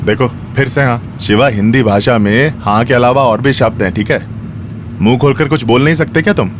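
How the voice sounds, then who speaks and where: A man's voice: mid-range voice, moderate pace, background noise, natural voice. A man dubbing a cheerful middle-aged man who teases his family as he leaves, in a film scene. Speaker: lead character in a dubbed film. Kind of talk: dubbed film acting. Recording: film soundtrack with loud music.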